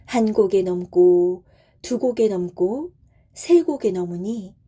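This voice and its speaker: A woman narrates a bedtime folk tale in a soothing, gentle way. She speaks very slowly, with a soft, breathy voice. Her tone is warm and mellow. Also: mid-range voice. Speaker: storyteller.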